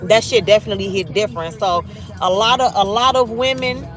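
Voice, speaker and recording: A woman in her thirties streams live while driving, speaking a little fast at medium pitch with fairly even intonation. Her Chicago accent comes through as she reads viewers' comments and chats bluntly, cursing along the way.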